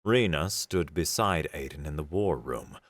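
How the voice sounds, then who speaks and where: A man narrating a science fiction story in a slow, deliberate scripted read. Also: a bass voice, expressive, dry recording.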